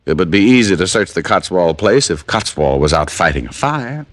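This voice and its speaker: An actor playing a hard-boiled American private detective in an old-time radio drama, wry, clipped and pushy. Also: male voice, deep voice, lively intonation, normal speed, a bit bright, no room sound. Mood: cool, pressing.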